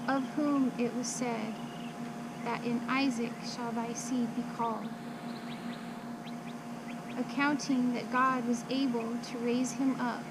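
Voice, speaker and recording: A woman recites Bible verses by rote, as if from memory. Her voice sits a little high and moves very slowly, in short measured phrases separated by pauses. Loud noise runs behind her throughout the recording. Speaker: scripture reciter. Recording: loud steady background noise.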